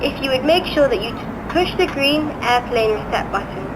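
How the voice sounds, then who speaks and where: Flight attendant lady doing a polite plane cabin announcement, highish voice, noisy cabin behind her. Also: animated, normal speed. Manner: polite, procedural. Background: aircraft cabin noise.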